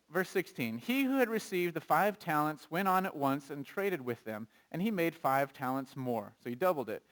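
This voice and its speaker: Man, pastor, conversational sermon, lively, fairly high voice. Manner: conversational, animated preaching with rhetorical questions; reads scripture aloud.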